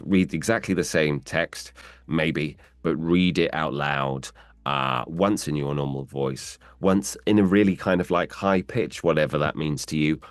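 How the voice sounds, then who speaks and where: A man working as a voice actor, answering interview questions in an animated way and playing with his pitch as he explains. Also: no echo. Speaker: voice actor guest.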